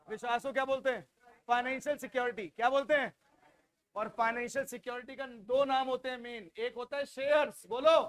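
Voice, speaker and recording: A man from India with an Indian accent teaching a class, drilling students loudly and repeating questions for them to answer back. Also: very high-pitched, smooth. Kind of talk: classroom lecture with call-and-response drilling.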